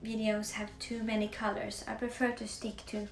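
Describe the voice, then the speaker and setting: A young Norwegian woman with a Norwegian accent, chatting softly on a livestream while she paints, often slipping into near-whispers. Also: mid-range voice, little pitch movement, normal speed, creaky. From Norway. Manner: soft-spoken, often drifting into near-whispers. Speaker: musician live-streaming to fans. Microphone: phone. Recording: echoey room with faint background hiss.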